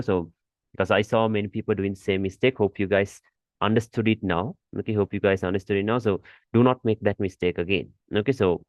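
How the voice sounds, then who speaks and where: A man's voice: on the low side, no room sound, dull audio. A man teaching a trading lesson over a shared screen, repeating his points and saying "okay" often, with firm warnings. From Malaysia.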